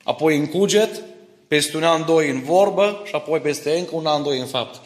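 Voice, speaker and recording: This is a sermon by a middle-aged man whose voice sits on the high side, recorded in a church hall full of echo. Between explaining scripture and recounting stories about his family, he often asks the congregation if they're with him.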